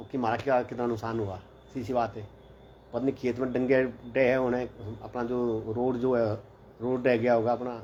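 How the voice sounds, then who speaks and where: A man's voice: medium pitch, a little mellow. Chatty man telling a rambling story. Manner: rambling, chatty, repeats "bola" and "bhai". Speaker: hostel mess teacher. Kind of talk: casual storytelling vlog. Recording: slightly dull lo-fi audio with faint background noise.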